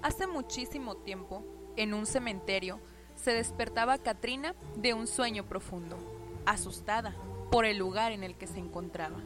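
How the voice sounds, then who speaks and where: A woman gently narrating a children's storybook. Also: medium pitch, moderate pace. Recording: narration over background music.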